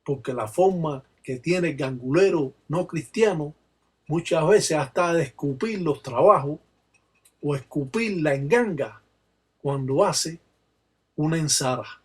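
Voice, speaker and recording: Cuban man, religious teacher, husky voice, unhurried and solemn. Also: a little high, animated, a little mellow. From Cuba. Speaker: Palo Mayombe religious teacher. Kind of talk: slow explanatory talk.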